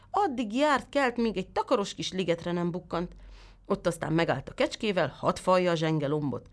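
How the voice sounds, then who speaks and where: A woman reading a fairy tale aloud with lively, expressive storytelling. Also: fairly low pitch.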